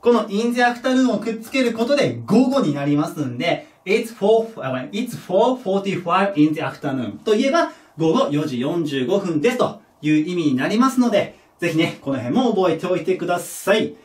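A man teaching a junior high English lesson at a board, patient and step-by-step, checking in with his students and joking about his own mistakes. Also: sing-song, a little fast, few pauses, recorded from a distance. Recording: echoey room, voice from off the mic.

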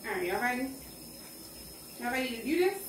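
Young woman cooking and chatting, high voice, echoey noisy kitchen. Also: big pitch swings, fairly quick. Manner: playful, sings along, slangy. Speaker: cooking vlog co-host. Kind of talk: casual chat while cooking and singing along. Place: home kitchen.

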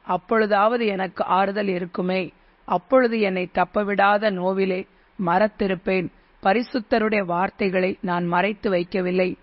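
A man with a high voice reads scripture aloud. His delivery is steady and measured, like a recitation. The recording sounds dull and lo-fi. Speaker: Bible reader. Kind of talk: scripture reading.

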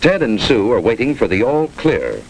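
An American man narrates a 1950s instructional film, giving clipped, authoritative instructions at a normal speed. His voice is medium in pitch but swings hugely up and down. The old soundtrack is noisy.

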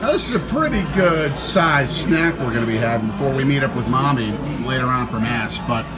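A man's voice: mid-range voice, lively intonation, brisk. A man in his forties hosting a casual vlog with his son, chatty and upbeat, filmed on a phone at arm's length in an indoor sports grill. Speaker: host, father. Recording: loud crowd chatter and music behind.

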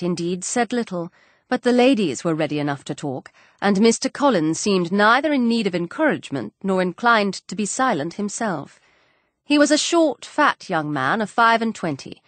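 A woman narrating a novel as an audiobook in an expressive storytelling read. Her pitch swings widely, and the recording is dry and close. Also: normal speed, dry recording.

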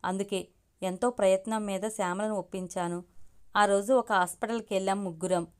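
A woman's voice: mid-range voice, steady tone, a little fast, a little mellow, smooth. A woman reading a story aloud as the channel's storyteller, narrating steadily in the first person.

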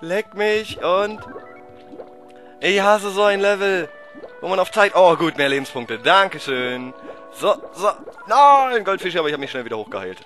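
Male let's-play gamer, excitable and loud, swinging pitch, game music in the background. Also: normal speed. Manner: excitable, shouts and groans at the game. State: voice cracking. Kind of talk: casual gameplay commentary.

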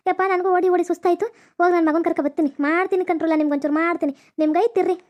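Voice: extremely high pitch, fairly even intonation, rapid-fire, muffled recording. A performer voicing an angry, deaf old village woman who scolds and threatens in a North Karnataka Kannada accent for a cartoon comedy. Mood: threatening.

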